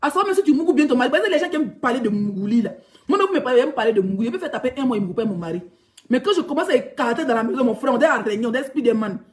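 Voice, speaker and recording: Woman, Ivorian French accent, high voice, heated mocking rant, blogger vlog. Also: lively intonation, rapid-fire. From Ivory Coast. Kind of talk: ranting social media vlog.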